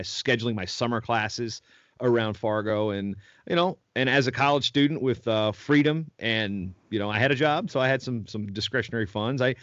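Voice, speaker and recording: Speaking in a mid-range voice, a middle-aged Virginian guest on a podcast chats casually and keeps restarting his long, rambling anecdotes. He is in his 40s, and the lo-fi recording sounds dull and dry.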